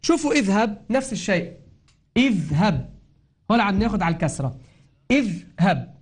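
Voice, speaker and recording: A man with a Lebanese Arabic accent gives a patient spoken lesson on recitation, and his voice sits noticeably high. He goes over each point more than once and stretches out the example words so they can be heard clearly. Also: sing-song, normal speed. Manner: explains patiently, repeating and drawing out example words. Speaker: Quran recitation teacher. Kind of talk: spoken grammar and tajweed lesson.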